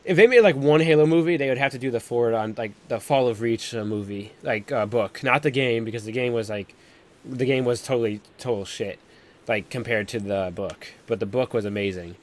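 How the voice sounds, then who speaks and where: A man of medium pitch hosts a casual live stream chat, speaking fairly quickly. He tends to ramble, scattering "like" throughout.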